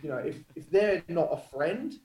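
A man's voice: fairly high pitch, big pitch swings, moderate pace, a little mellow. An Australian man speaking as a podcast guest in casual, slangy, matey interview chat. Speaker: podcast guest, Muay Thai fighter. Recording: roomy, echoing sound.

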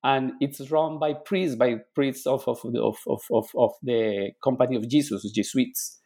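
A man, an author guest on a podcast interview, speaking haltingly as he searches for words. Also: medium pitch, warm tone. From Colombia.

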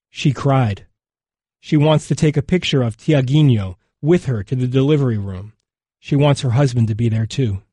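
A man's voice: medium pitch, mellow, dry recording. Solemn male narrator, dry close sound. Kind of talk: scripted narration of a magazine feature.

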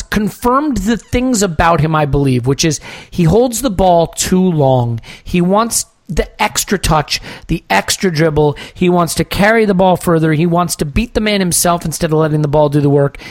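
A podcast host breaking down a football match in measured, thoughtful casual talk with frequent small restarts. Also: mid-range voice, no room sound.

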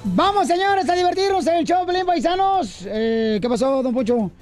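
A man hosting a morning radio show, his voice pitched very high for a man. He teases his co-hosts in playful banter and calls his listeners paisanos. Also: lively intonation, normal speed, music in the background.

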